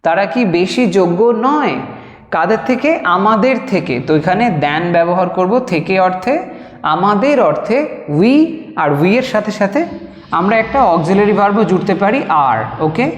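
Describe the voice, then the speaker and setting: A woman explaining grammar step by step, slowly spelling out example phrases as she writes them. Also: medium pitch, lively intonation. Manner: slow, drawn-out dictation of English phrases. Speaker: English grammar teacher. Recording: echoey room with long reverb.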